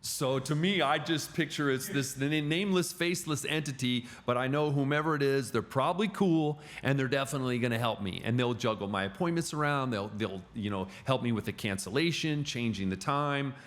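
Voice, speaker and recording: A middle-aged man chatting casually on a podcast, telling animated stories with frequent restarts. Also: medium pitch, brisk, hardly any pauses. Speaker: gym client and podcast guest. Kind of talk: casual podcast chat, storytelling.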